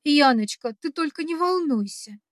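A woman voicing a flustered elderly female nanny in an audiobook, talking fast and pleading. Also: high voice, expressive, no echo, studio quality, voice pushed up.

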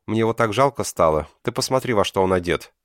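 A man's voice: on the low side, lively intonation, fast, no echo, clean studio sound, pitched above the performer's own voice, lightly acted. A man voicing a tender, tearful young wife and mother in an audiobook. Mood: pleading.

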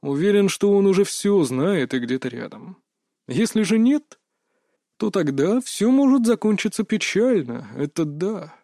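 A man voicing a calm, mocking male kidnapper boss who talks with quiet menace. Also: sits high, unhurried, no room sound, studio quality, voice pushed up, heavily acted. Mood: smug.

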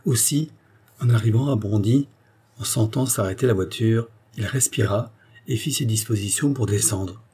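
Male audiobook narrator, measured delivery, husky low tone. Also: warm tone. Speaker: audiobook reader.

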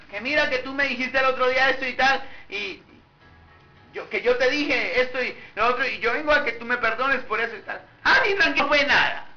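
A man preaching a sermon, animated and full of rhetorical questions put to his congregation. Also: very high-pitched. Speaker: pastor. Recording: muffled recording with faint background noise.

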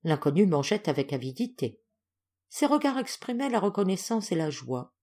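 A woman narrating a classic novel audiobook in a measured, clear storytelling manner. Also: lowish voice, sing-song, mellow. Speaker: audiobook reader.

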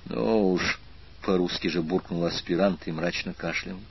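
A man narrating an audiobook in a measured, expressive reading with a husky voice. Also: low-pitched, muffled recording, a little hiss or hum. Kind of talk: scripted narration.

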